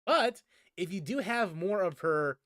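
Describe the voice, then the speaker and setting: A gaming streamer answers viewers in a casual livestream about games, his high-sitting, slightly bright voice showing lively intonation at a somewhat slow pace. He rambles and keeps repeating phrases for emphasis. The clean studio sound has no echo.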